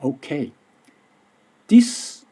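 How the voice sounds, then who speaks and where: His voice is warm and very slow as he delivers a conference talk in English, which he speaks as a second language with a Japanese accent. The middle-aged university lecturer from Japan comes across as careful and a bit nervous, frequently starting sentences over.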